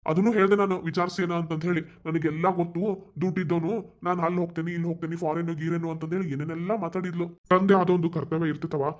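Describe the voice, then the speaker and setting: A man's voice: on the high side, natural voice. A man voicing a stern, resentful father in a cartoon, scolding in a North Karnataka accent. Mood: bitter. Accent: North Karnataka Kannada. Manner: scolding, grumbling. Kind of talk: cartoon voice acting. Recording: dull lo-fi recording.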